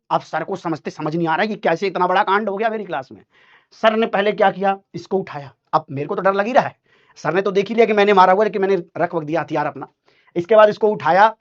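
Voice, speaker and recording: A teacher telling his students a childhood school story, dramatic and animated, putting on voices for the people in it. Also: high-pitched. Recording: dull lo-fi sound.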